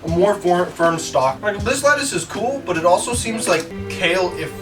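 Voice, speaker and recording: A man's voice: sits high, lively intonation, moderate pace. A young man co-hosting a casual comedy chat, rambling and laughing often. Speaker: co-host. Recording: distant mic with music.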